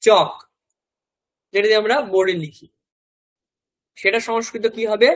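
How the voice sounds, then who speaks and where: Speaking at a moderate pace with a high voice and flat delivery, a man with a West Bengal Bengali accent runs a Sanskrit class. He goes through each word letter by letter and repeats it a number of times, though the audio quality is poor.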